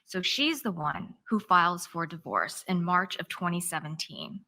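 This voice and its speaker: A woman attorney speaks to a courtroom with a bright, forceful tone, walking through events one step at a time. Her delivery is measured and steady, in the present tense of an opening statement. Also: fairly low pitch. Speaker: defense attorney.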